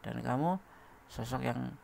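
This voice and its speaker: A man's voice: medium pitch, unhurried, creaky, darkish tone, a little hiss or hum. A man giving a casual tarot reading, chatty and laughing often as he talks straight to the listener. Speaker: tarot reader.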